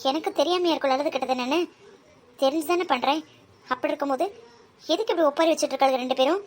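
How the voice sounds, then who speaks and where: Woman voicing a bullying cartoon aunt, high-pitched yet slow and heavy, scolding, threatening. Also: lightly acted. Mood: scornful. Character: harsh, domineering middle-aged aunt who bullies her nieces. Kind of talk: Tamil cartoon voice acting.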